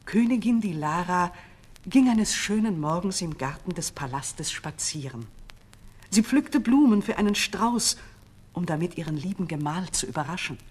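A woman reads a fairy tale aloud with dramatic expression. Her low voice swoops widely as she narrates each turn of the story. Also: expressive, moderate pace, a little mellow, slightly rough.

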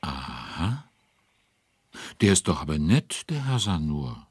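A man's voice: rumbling low, big pitch swings, takes it slowly, breathy edge, no echo, studio quality. A man narrating a children's audio drama in a storytelling manner. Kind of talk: scripted narration.

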